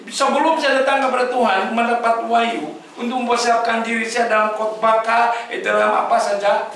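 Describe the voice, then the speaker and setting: A man's voice: extremely high pitch, gravelly, fairly bright tone, a little hiss or hum. A male preacher, giving an emphatic sermon and questioning his congregation. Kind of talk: sermon mixing Malay and English. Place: church hall. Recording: echoey hall, voice from far off.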